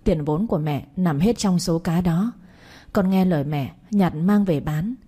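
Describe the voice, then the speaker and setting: A woman reads an injured mother in an audiobook who refuses to give in. Her voice is weak yet insistent, low and warm. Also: unhurried, husky. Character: injured, stubborn middle-aged mother, weak voice. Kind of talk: audiobook reading.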